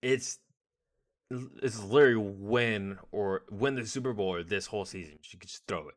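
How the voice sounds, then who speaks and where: A man's voice: fairly low pitch, moderate pace. A man co-hosting a casual sports podcast, rambling and restarting his phrases, swearing now and then. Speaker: podcast co-host.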